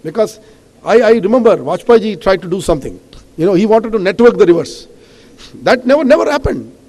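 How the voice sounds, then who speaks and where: A high-voiced man with an Indian English accent gives an impassioned speech from a stage, pressing his warnings hard and dropping "you know" between points. His voice carries a long reverb from a large event hall. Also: fast, mellow. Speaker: awards host and speaker.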